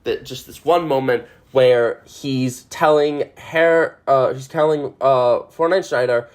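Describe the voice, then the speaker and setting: A man in the middle of a podcast, talking casually and at length. His pitch sits in an ordinary middle range as he rambles excitedly, circles back and drops the odd swear. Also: unhurried. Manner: many fillers and restarts. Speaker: podcast host. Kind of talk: casual chat.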